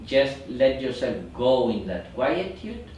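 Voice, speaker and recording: Man, meditation teacher, slow and halting, echoey room, distant mic. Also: medium pitch, big pitch swings, a little mellow, a little hiss or hum. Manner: slow, repetitive, searching for words. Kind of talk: guided meditation instruction.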